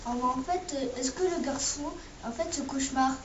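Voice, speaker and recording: Hesitant girl asking a question in class. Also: high voice. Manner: hesitant, halting, full of fillers. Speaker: audience member asking a question. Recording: distant, echoey, dull, noisy crowd.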